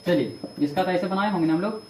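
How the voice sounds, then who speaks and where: Guy teaching maths to a class, kinda high voice, faint hiss behind. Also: quick pace. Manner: asks questions and repeats the answers. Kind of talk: classroom lecture. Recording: echoey room, mic far off, faint noise.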